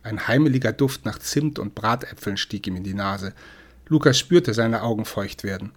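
A man narrating an audiobook in a measured, expressive reading style. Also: lowish voice. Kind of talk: scripted narration.

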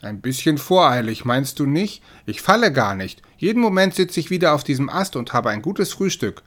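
A man's voice: medium pitch, animated, a little fast, lightly acted. A man voicing a stubborn, cheeky young male tomcat who answers with casual bravado, in a storybook reading. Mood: defiant.

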